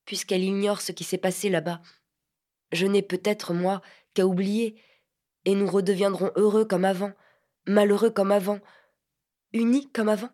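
Female reader voicing a worried teenage boy, soft and pleading, storybook reading. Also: medium pitch, fairly even intonation, moderate pace, long pauses, close to an everyday voice. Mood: anguished. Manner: pleading, tender. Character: teenage boy, anxious and lovesick.

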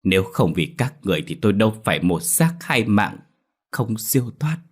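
A man voicing the vengeful female ghost of a young nurse, rasping and tearful, in a spoken horror story. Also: lowish voice, big pitch swings, normal speed. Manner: rasping, wailing, then tearful.

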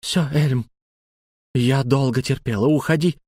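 A man voicing a gentle young female storyteller and singer in an audiobook, soft and pleading. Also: mid-range voice, a little slow, dry recording, clean studio sound, lightly acted. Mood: angry. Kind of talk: audiobook character voice.

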